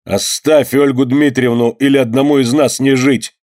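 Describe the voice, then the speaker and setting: A man reading a story aloud and voicing a fierce, impassioned outlaw in a raised, forceful voice. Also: mid-range voice, steady tone, moderate pace, pitched above the performer's own voice, natural voice. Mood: defiant. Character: fierce male outlaw, loyal but defiant.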